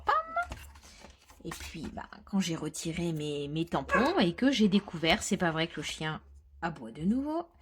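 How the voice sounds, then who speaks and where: Woman, craft tutorial host, chatty and relaxed, slightly high voice, quiet muttered asides. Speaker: crafter presenting a scrapbooking tutorial. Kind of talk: casual step-by-step craft tutorial.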